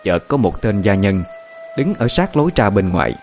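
A man narrating a horror story in a dramatic, expressive way. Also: on the low side, normal speed, soft background music.

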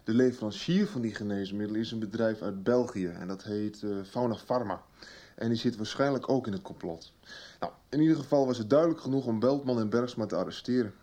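An actor in a Dutch radio soap plays a young policeman son eagerly recounting his case to his mother. His natural male voice sits on the low side with a dark tone, and he talks fairly quickly in a colloquial, chatty manner.

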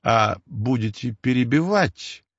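A man's voice: mid-range voice, animated, slow, slightly rough, dry recording, highs cut off, exaggerated voice. A man voicing a ginger mustached tomcat who tells stories, talking solemnly and sighing over his troubles.

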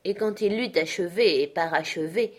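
Woman narrating a classic novel. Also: on the low side. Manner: measured, storytelling. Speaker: audiobook narrator. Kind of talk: literary audiobook narration.

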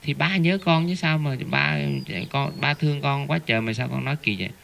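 A man's voice: on the high side, brisk, creaky, a bit bright, a little hiss or hum, pitched above the performer's own voice. A man voicing an old father in his sixties or seventies, grieving and bewildered by his son's words.

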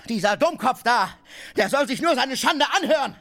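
An actor playing a coarse, scheming man who blusters, insults and shouts, in a radio drama. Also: on the high side, big pitch swings, a little slow, exaggerated voice. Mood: shouting. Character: coarse bullying middle-aged man, loud and scheming.

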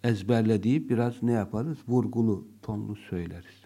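A man teaching a lesson, speaking deliberately and acting out example sentences. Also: lowish voice, mellow, slightly rough. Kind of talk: classroom lesson.

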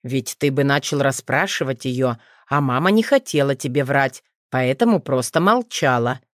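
A woman voicing a calm, gentle dragon father who talks to his young sons in a low, steady, reassuring way, read as an audiobook. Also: normal speed, no room sound, studio quality. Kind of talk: audiobook reading.

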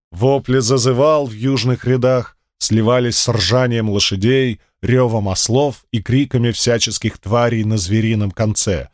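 A man reading a first-person fantasy audiobook with steady, measured storytelling. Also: medium pitch, no room sound, clean studio sound. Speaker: audiobook narrator.

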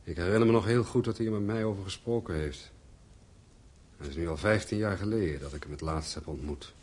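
In a radio drama, a man plays an earnest, wistful husband and heir, sounding concerned. His husky voice sits low and moves fairly quickly, with brooding, expressive delivery.

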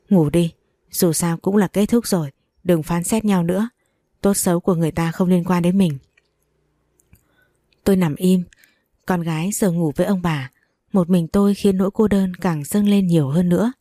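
A woman's voice: fairly low pitch, no echo, studio quality. A woman reading a first-person domestic drama aloud, voicing every character's lines in her own voice. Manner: even storytelling voice, reads all dialogue herself. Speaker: narrator. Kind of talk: scripted first-person story narration.

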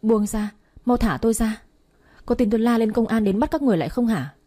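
In this storybook reading, a feisty young woman running a noodle stall talks back in a raised, sharp voice, husky and mellow underneath, as the narrator puts her on. She is quick to protest and slow to back down. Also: natural voice. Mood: defiant. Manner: defiant, shrill protests.

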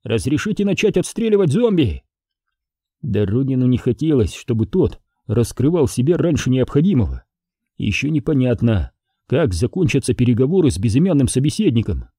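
Mellow male audiobook narrator. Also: mid-range voice, sing-song, brisk, slightly rough, no room sound, clean studio sound. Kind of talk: scripted narration.

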